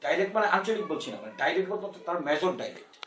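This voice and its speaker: A Bangladeshi-accented man talks animatedly in a casual discussion, his voice sitting a little high. The mic is some way off in a roomy space, so the sound echoes. A faint background hiss sits under him. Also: very fast, recorded from a distance. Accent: Bangladeshi Bengali. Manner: animated, acts out dialect examples. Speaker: poet guest in a discussion.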